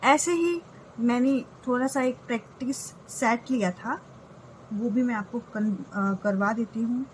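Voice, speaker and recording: A woman's voice: fairly high pitch, measured pace, a little hiss or hum, rough recording. A woman English teacher giving a grammar lesson, explaining step by step and often checking in with her students.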